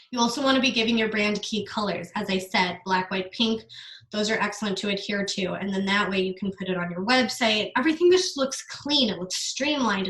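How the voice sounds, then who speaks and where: A young woman talks through a casual business masterclass with earnest energy and loose, everyday wording. Her voice sits at a middle pitch. The room around her is echoey. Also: fairly bright tone. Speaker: business coach giving a masterclass.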